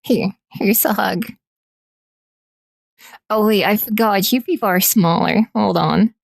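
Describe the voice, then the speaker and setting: A woman streamer chats casually with her audience and teases them in a playful way. Her voice carries a gravelly fry. The sound is dry, with no room echo. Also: mid-range voice, slow. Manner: playful, teasing.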